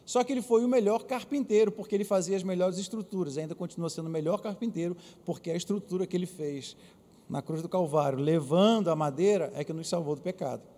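A man with a Brazilian Portuguese accent preaching a lively sermon as pastor, calling on the congregation to answer aloud. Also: sits high, fast. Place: church auditorium. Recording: long reverb of a church hall.

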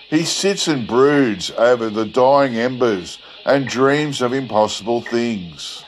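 A man reading an old-fashioned literary yarn as a narrator, in a measured, scripted style. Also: mid-range voice, a little hiss or hum, rough recording.

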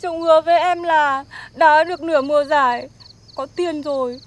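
A woman's voice: sits high, fairly even intonation, moderate pace, lightly acted. A woman playing a clingy young wife who begs her husband not to leave for long. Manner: clingy, whiny. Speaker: footballer's wife.

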